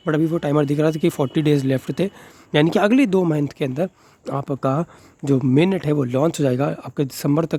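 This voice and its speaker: A man with a slightly high, mellow voice, a crypto video creator, talks softly because his throat is sore. His explanations to viewers are casual and chatty, full of fillers, and switch between Hindi and English.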